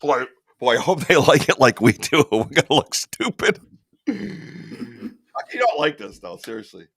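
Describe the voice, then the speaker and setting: A man hosting a casual live stream, chatty and excitable, laughing often and swearing casually. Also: fairly high pitch, normal speed, creaky, slightly rough. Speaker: podcast host on a live stream.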